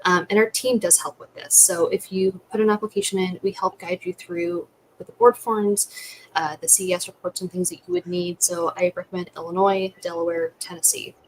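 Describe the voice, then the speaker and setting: A young woman on a webinar panel gives methodical, advisory answers as a licensing expert, speaking fairly quickly in a lowish voice with fairly even intonation. She's on a computer microphone in an indoor room with curtains, and the low-quality video-call recording carries faint background noise.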